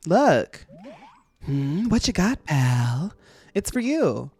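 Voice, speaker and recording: A streamer voicing a chill, buddy-like game creature with a secret soft spot, reading dialogue aloud. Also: medium pitch, sing-song, drawn-out words, slightly rough, soft background music, exaggerated voice. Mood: friendly, chill. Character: chill, tough-talking game creature who secretly loves flowers.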